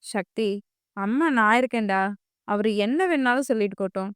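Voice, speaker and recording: A woman's voice: a little high, animated, moderate pace, fairly bright tone, clear, resonant tone, dry recording, clean studio sound. A woman voicing a tender middle-aged mother who pleads with her son. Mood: pleading.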